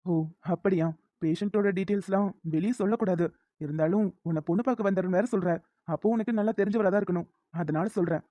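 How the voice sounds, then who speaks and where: A woman voicing a calm, reassuring male doctor who speaks in a gentle, measured, professional way, on a dull lo-fi recording. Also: medium pitch, no room sound, close to an everyday voice. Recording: dull lo-fi sound.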